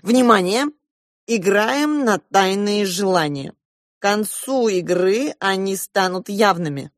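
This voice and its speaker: Woman voicing a boisterous rich yacht-owning man, exclamatory, bossy, storybook audiobook, average pitch, dry sound. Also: lively intonation, slow, no echo. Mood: commanding. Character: loud, excitable wealthy middle-aged man, yacht owner. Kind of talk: audiobook character voice.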